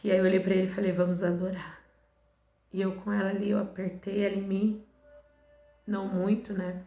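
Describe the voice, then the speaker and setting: A woman missionary giving a soft, emotional faith testimony that often drops into hushed, faltering passages. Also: mid-range voice, little pitch movement, a little fast. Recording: roomy echo with faint background music.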